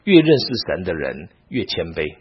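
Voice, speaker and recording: Husky animated male Bible teacher. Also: deep voice, normal speed, highs cut off. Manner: animated, rhetorical questions to the class. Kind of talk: teaching sermon.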